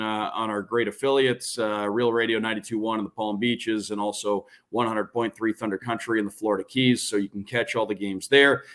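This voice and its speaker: Speaking as a guest on a casual podcast interview, a man who calls games on the radio sounds fluent and announcer-like, his voice medium in pitch and a bit bright.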